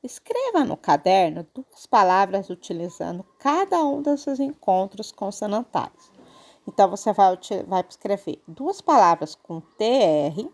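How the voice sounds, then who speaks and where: A woman's voice: mid-range voice, big pitch swings, unhurried, a little mellow. A woman teacher with a Brazilian accent, patiently explaining a grammar lesson to children and checking in often. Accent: Brazilian Portuguese. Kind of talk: online Portuguese lesson for children.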